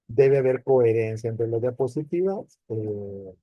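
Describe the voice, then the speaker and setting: A man's voice: medium pitch, unhurried, dry recording, lo-fi sound. Man lecturing students on slide design. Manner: explanatory, addresses students directly with rhetorical questions. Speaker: university lecturer. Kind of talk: recorded online class lecture.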